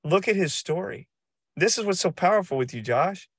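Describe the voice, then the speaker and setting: A man's voice: high voice, animated, moderate pace, a bit bright, breathy edge, dry recording. A man hosting a podcast over a video call, talking in a hyped, emphatic and slangy way. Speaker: podcast host. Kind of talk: energetic casual chat.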